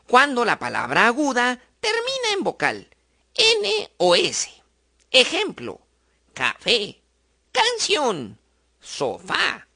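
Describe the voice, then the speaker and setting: Deliberate woman narrating a grammar lesson. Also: a little high, sharp tone. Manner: clear, deliberate, stresses syllables in examples. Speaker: teacher.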